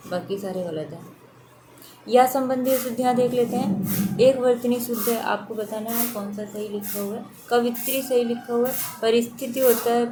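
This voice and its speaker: A woman's voice: on the high side, noisy background. Woman teacher drilling spelling answers. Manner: steady, repetitive drilling of correct spellings. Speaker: exam coaching teacher. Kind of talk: online exam-prep lesson.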